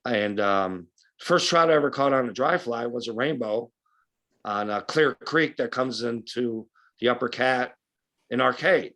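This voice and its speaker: A man's voice: medium pitch, measured pace, fairly bright tone. Blunt, folksy man from western New York. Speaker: guest speaker, fishing guide. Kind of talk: casual club talk.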